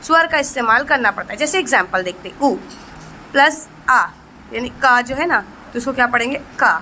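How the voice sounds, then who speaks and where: A woman teacher with a high, brisk, sharp-toned voice leads an exam-prep lesson, asking rhetorical questions only to answer them herself and blending Marathi terms into her explanations. She speaks to her students fondly as children, on a rough recording with a little hiss or hum.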